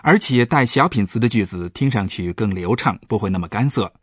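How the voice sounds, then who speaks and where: A man's voice: on the low side, expressive, fairly quick, a bit bright, husky, no echo. A man, a professor, patiently explaining German grammar in a radio language lesson.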